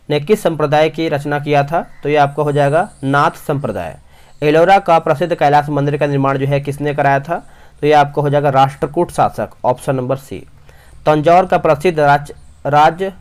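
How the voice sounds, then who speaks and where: A man's voice: on the high side, a little mellow. A young man reading quiz questions and answers at speed for exam revision, often restarting words and calling viewers his friends. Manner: rapid, frequent restarts, addresses viewers as friends. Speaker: quiz teacher.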